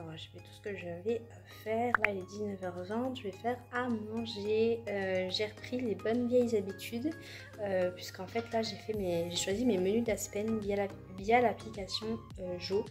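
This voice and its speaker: A young woman in her twenties chats straight to her camera in a loose, rambling vlog style, her pitch sitting in an ordinary middle range. She drifts between thoughts and often breaks off with small apologies. Soft background music runs under her voice. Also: fairly even intonation, moderate pace. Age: 20s. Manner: chatty, rambling, apologetic asides. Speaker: student vlogger. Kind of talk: casual vlog chat to camera.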